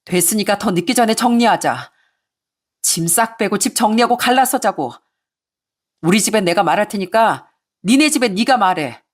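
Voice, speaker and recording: Steady woman storyteller, first-person. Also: medium pitch, moderate pace. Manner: plain, steady storytelling voice; cold and curt in her own dialogue.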